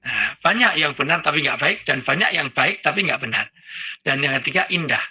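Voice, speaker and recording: A middle-aged man appears as a talk-show guest, preaching with humor, packing in jokes and acting out little dialogues and sounds. His voice is fairly high, brisk, and sharp with a breathy edge and lively intonation.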